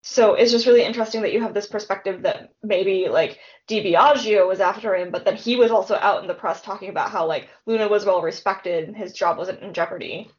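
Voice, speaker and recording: A woman's voice: mid-range voice, brisk, hardly any pauses, dull audio. A woman co-hosting a casual true-crime podcast, retelling the case in a chatty way with lots of fillers. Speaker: podcast co-host.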